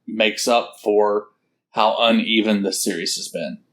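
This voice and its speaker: A man's voice: lowish voice, fairly even intonation, unhurried. A man co-hosting a podcast in casual chat, hesitant, with stammered restarts and many fillers. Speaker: podcast co-host.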